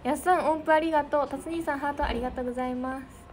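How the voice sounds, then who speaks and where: A woman's voice: sits high, fairly even intonation, rapid-fire. A teenage girl from Niigata hosting a casual livestream, chatting and thanking viewers for their comments. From Niigata, Japan. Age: teens. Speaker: idol livestream host. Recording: noisy livestream audio.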